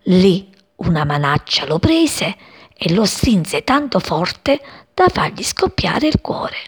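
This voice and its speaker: Slow husky woman telling a children's story. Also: lowish voice. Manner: slow and expressive, dropping to soft whispers.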